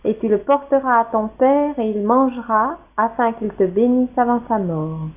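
A woman reading the part of a scheming mother in a scripture reading, in an insistent, measured way. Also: a little high, lightly acted. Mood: urging. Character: Rebecca, scheming mother urging her son. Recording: tinny phone-like sound.

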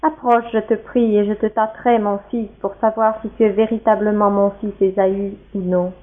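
A woman reading the part of an old blind father in a scripture reading, in a solemn, measured way. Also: medium pitch, level tone, close to an everyday voice. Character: Isaac, old blind father blessing his son. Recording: tinny phone-like sound.

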